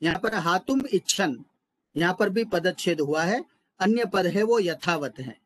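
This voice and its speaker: Male lecturer, unhurried and methodical, dry close recording. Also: high-pitched, expressive, a bit bright, no echo, low-quality recording. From India. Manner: slow, methodical, spells out words. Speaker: Sanskrit lecturer. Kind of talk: grammar lesson.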